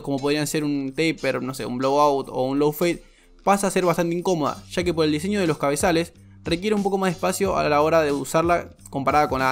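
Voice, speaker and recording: A man, a barber giving a frank, explanatory voice-over tutorial. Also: on the high side. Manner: frank, explanatory, repeats "muy pero muy". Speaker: barber reviewing shavers.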